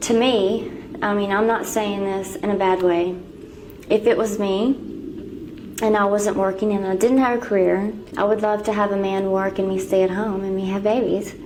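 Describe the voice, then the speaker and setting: Flat-voiced woman in a noisy street clip. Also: medium pitch, normal speed. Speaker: street interviewee.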